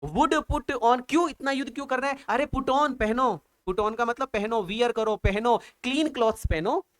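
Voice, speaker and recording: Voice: mid-range voice, normal speed, fairly bright tone, no echo. An English teacher explaining a poem line by line, translating each phrase and asking rhetorical questions with enthusiastic exclamations.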